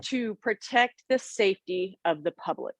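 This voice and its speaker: A woman's voice: medium pitch, animated, measured pace, dry recording. A woman co-hosting a podcast discussion, speaking as a victims' advocate who passionately urges listeners to act. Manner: impassioned, urging listeners to act.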